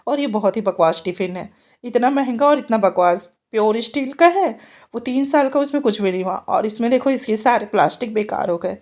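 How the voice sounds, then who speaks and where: A woman's voice: fairly high pitch, a little fast, a little mellow. A woman in her thirties, a mother chatting casually in a home vlog while she gets her children ready, laughing often. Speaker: vlogger mother.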